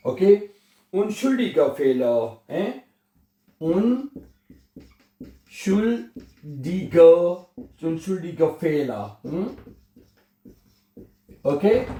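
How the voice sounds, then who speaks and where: Slow, mellow-voiced male language teacher. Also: a little high, reverberant. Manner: slow, drawn-out German words, frequent checking "hmm?". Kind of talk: slow spoken language lesson.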